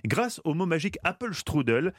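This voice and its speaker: A man's voice: fairly high pitch, big pitch swings, moderate pace, no echo. A man delivering a comic radio chronicle in a studio, playful and ironic, with teasing asides to the host. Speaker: radio columnist.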